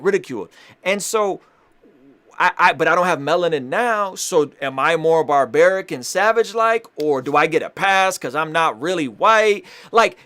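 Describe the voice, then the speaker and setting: A young man speaks straight to his viewers in heated, earnest commentary. His voice sits a bit high, and he keeps restarting phrases as he pushes his point. He drops casual slang as he goes. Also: fairly bright tone. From Armenian family. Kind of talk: direct-to-camera commentary.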